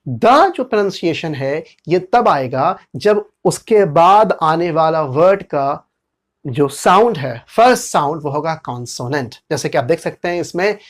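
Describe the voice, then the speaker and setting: A man with an Indian accent teaching English pronunciation, spelling out letters and repeating each sound deliberately. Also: fairly high pitch, animated. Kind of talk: slow explanatory lesson.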